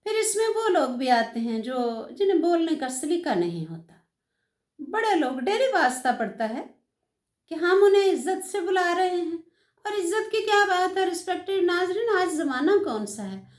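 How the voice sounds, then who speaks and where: An older woman speaks to her viewers with a high voice, giving earnest and emphatic advice about how people should treat each other. She lectures in a casual, direct way. The recording sounds roomy and echoey. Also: big pitch swings, moderate pace. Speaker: advice vlogger.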